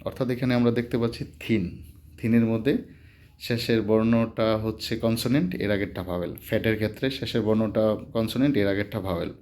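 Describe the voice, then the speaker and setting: A male teacher with a Bangladeshi Bengali accent explains a grammar lesson in a calm, measured way. His voice sits fairly low, and he works through each example methodically, repeating word forms and pausing with small fillers.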